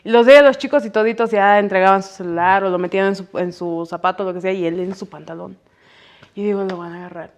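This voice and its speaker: A woman in her thirties hosting a casual podcast conversation, telling lively stories and acting out what people said. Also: mid-range voice, fast. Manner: lively storyteller who acts out quoted speech. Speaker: podcast host.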